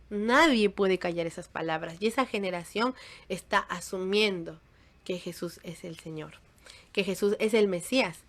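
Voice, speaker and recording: Woman teaching the Bible, chatty. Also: mid-range voice. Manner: conversational, many fillers and restarts.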